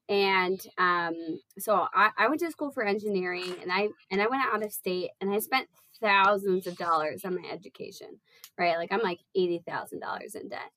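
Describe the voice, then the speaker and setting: A young woman talks as a podcast guest in a loose, chatty way, full of fillers and restarts. Her voice sits at a middle pitch and sounds dry and close to the mic. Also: pushed and bright, no echo, poor audio. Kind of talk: casual chat.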